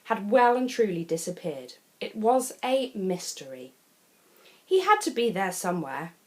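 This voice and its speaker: Reading a children's picture book aloud, a woman from England tells the story expressively and theatrically, pausing for chatty asides to the listener. She speaks a little slowly in a sing-song, medium-pitched voice.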